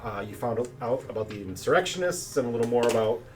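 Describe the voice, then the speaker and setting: A man running a tabletop game as game master, narrating in a relaxed, chatty way with plenty of fillers. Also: mid-range voice, fast talker. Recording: distant mic, faint background noise.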